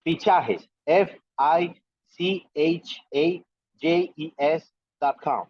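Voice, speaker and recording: A man's voice: fairly high pitch, slow pace, darkish tone, muffled recording, slight background noise. A man from Ecuador with an Ecuadorian Spanish accent, chatting casually as a soccer guest over a video call and often repeating his words. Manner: repeats words, friendly and self-assured. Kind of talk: casual podcast chat.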